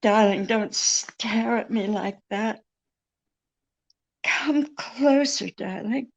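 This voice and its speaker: A woman's voice: on the high side, very slow, vocal fry, full character voice. A woman playing a seductive, lying femme fatale in a radio detective drama, with a sultry, world-weary manner. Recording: dull lo-fi radio recording.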